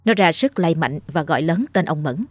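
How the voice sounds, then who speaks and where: A woman narrating a horror story in a steady, dramatic way. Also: low-pitched, normal speed, no room sound. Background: faint music.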